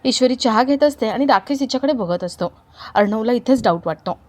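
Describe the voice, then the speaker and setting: A woman with a fairly high voice narrates a family drama scene by scene. Her delivery is plain and steady, the style of a scripted recap. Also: a little fast. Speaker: storyteller.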